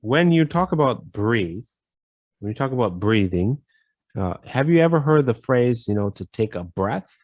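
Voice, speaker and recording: A man teaching a casual English vocabulary lesson, repeating phrases and filling pauses with "you know". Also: mid-range voice, big pitch swings, a little mellow, dry recording, highs cut off.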